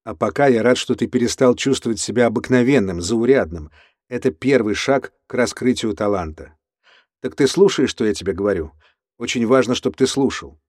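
A man voicing an eccentric, unhinged male prison cellmate who lectures and then flares into shouting, in an audiobook. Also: medium pitch, moderate pace, dry recording, clean studio sound, close to an everyday voice. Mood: calm, confiding. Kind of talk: audiobook character voice.

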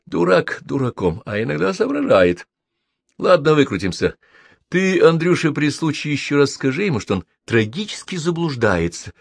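A flippant, sharp-tongued young man, put on by a male reader, jokes even when he's in trouble and snaps when pushed. His voice sits well above the reader's own, in a dry close recording. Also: mid-range voice, breathy edge, no room sound, pitched above the performer's own voice. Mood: scheming. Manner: sharp, quick-tempered, joking.

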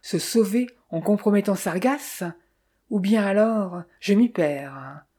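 A woman's voice: medium pitch, takes it slowly, mellow, husky. A woman reading as a worried young clerk. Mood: rueful. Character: young male clerk, worried amateur detective. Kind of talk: audiobook dialogue reading.

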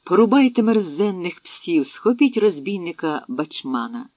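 A man's voice: high voice, sing-song, unhurried, no room sound, lo-fi sound, full character voice. A man voicing a ruthless Mongol khan in an audiobook, barking commands. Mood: commanding.

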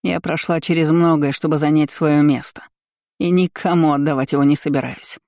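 A man's voice: fairly high pitch, steady tone, normal speed, vocal fry, a little mellow, no echo, studio quality. A man voicing a spiteful, scheming middle-aged empress who sneers and snaps orders, in an audiobook reading. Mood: furious. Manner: sneering, imperious, snapping orders.

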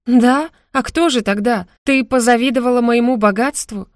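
A woman reading an audiobook voices a fiery young female student in a shrill, scolding manner. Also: moderate pace, no room sound, clean studio sound, close to an everyday voice. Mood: accusing.

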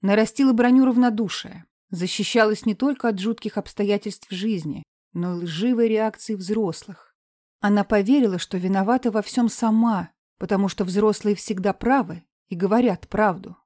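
Brief: female audiobook narrator, mellow tone, calm measured reading, dry close sound. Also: mid-range voice, no room sound. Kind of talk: scripted narration.

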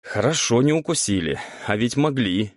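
A man plays a sulky, stubborn young pupil, sounding defensive and animated at a moderate pace. He pitches his medium voice a bit above his own, though it stays close to an everyday voice. The recording is clean studio sound with no room sound.

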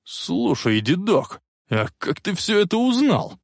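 A man voicing a brash young bully who talks in a loud, mocking way. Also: high-pitched, sing-song, a little slow, vocal fry, no room sound, clean studio sound, pitched above the performer's own voice, exaggerated voice.

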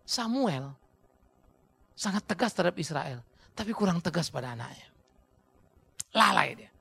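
A middle-aged male pastor, preaching a sermon in an animated storytelling manner with slangy asides. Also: high-pitched, unhurried, gravelly, breathy edge.

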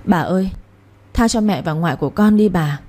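A woman's voice: on the low side, normal speed, dark tone, natural voice. A woman voicing a terrified young man who begs desperately for mercy. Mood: pleading. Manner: pleading, desperate.

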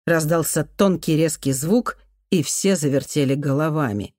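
A narrator reading a novel aloud as an audiobook, in a measured, even storytelling manner. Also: mid-range voice.

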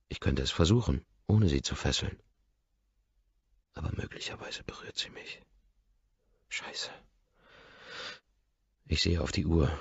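A man reading a first-person audiobook, brooding and inward. His voice sits extremely low, husky and gravelly. The recording is dry and a little dull. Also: dry recording. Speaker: audiobook narrator.

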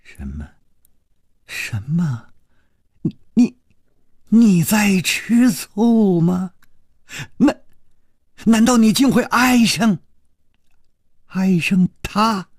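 A man voicing a terrified, wounded woman who stammers in a high, trembling voice. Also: big pitch swings, extremely slow, pauses often, slightly rough, dry recording, studio quality, full character voice.

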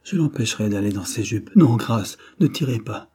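A man's voice: medium pitch, expressive, moderate pace, mellow, husky, pitched above the performer's own voice. A man doing a frenzied old madwoman. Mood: terrified pleading. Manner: pleading, shrieking, wild. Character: frenzied old woman, mad with terror. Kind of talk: audiobook reading.

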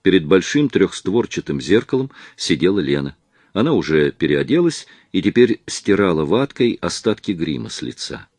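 Low-voiced expressive male narrator. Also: normal speed, breathy edge, dry recording. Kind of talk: audiobook reading.

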